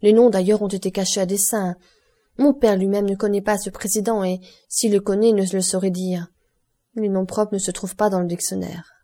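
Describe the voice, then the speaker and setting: A woman plays a cold, evasive magistrate who brushes off questions in a clipped, dismissive way. The voice is mellow and unhurried. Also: medium pitch, steady tone, close to an everyday voice.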